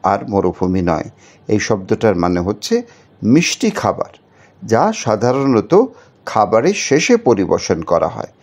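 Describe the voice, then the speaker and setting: A man's voice: medium pitch, darkish tone. A man teaching a children's spelling lesson, patiently spelling words out letter by letter and asking the viewers questions.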